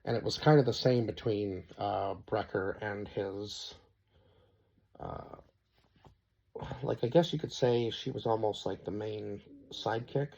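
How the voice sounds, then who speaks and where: A young man talks through a show review in a loose, rambling way, pausing with fillers and hunting for names. His voice sits low and has a husky edge. The recording is dull and lo-fi. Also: darkish tone. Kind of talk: casual spoken review.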